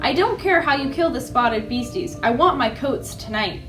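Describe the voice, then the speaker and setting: A woman's voice: high-pitched, expressive, moderate pace, echoey room, over music. Woman acting a haughty, drawling villainess Cruella de Vil. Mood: menacing.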